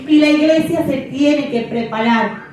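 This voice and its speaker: A woman's voice: high voice, measured pace, a little mellow. A middle-aged woman pastor preaching a sermon, emphatic and repeating phrases for effect. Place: church. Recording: echoey church from far off.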